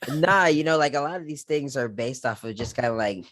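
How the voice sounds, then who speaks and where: A man's voice: mid-range voice, animated, a little fast, fairly bright tone. A man who grew up in Japan, telling stories casually as a podcast guest, easygoing with many fillers. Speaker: guest content creator. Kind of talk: relaxed podcast conversation.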